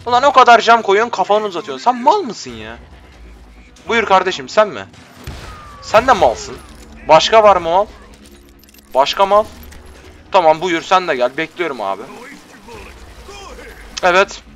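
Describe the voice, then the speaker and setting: A rowdy young man commentating his gameplay through a headset, his bright, sharp voice leaping up and down as he jokes and scolds the enemies. Game music plays softly behind him. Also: sits high, sing-song, a little slow, pauses often. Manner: rowdy, swears at enemies, joking. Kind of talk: casual let's play commentary. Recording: voice over game audio and music.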